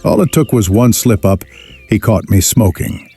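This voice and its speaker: A man playing a rueful young outlaw drifter, narrating his rough life in a wry, folksy drawl with a gravelly voice. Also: on the low side, lively intonation, normal speed, dark tone, soft background music. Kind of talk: scripted first-person western narration.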